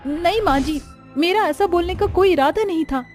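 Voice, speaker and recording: A woman doing a high, pleading young bride. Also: moderate pace, darkish tone, soft background music. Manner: pleading, tearful.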